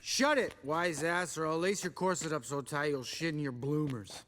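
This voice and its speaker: A man's voice: on the high side, normal speed, fairly bright tone, lightly acted. An actor playing a sarcastic, crude witcher who mocks his friends. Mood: mocking. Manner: mocking, crude, sardonic. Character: gruff sarcastic witcher man, crude joker. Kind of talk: video game character dialogue.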